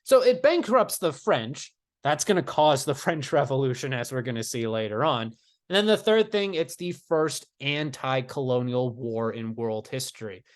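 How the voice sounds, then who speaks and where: A man's voice: mid-range voice, lively intonation, moderate pace. A man teaching history in a casual video lecture, conversational, with dry sarcastic asides.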